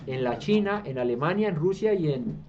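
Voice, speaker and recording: Animated and at normal speed, a man from Colombia speaks in a Colombian Spanish accent while a crowd is audible behind him. He teaches a small-group Bible study conversationally, regularly checking in with listeners and restarting hesitantly when explaining. The recording is a dull, low-fi room capture with faint hiss.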